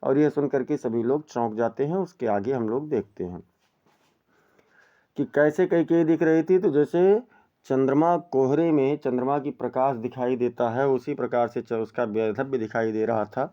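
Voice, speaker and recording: A male teacher with a smooth, resonant voice and a mid-range pitch walks through a poem verse by verse. He recites each verse slowly, then explains it in plain everyday words. The recording sounds a little muffled and lo-fi. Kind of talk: explaining a Hindi poem line by line.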